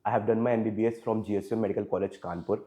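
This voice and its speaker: A man's voice: fairly low pitch, fairly even intonation, rapid-fire, warm tone. A man in his twenties with an Indian English accent answering interview questions formally, hesitant with many fillers and deferential. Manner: hesitant, frequent fillers, deferential, adds "sir" often. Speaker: interview candidate.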